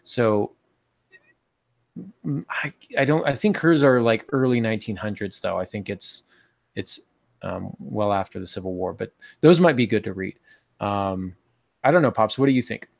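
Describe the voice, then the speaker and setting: This man in his forties, a podcast co-host and writing advisor, offers casual advice over a video call on earphones, thinking aloud tentatively. His lowish voice is animated and vocal-fried at normal speed, with long pauses and no room sound, from a small indoor home room lined with bookshelves.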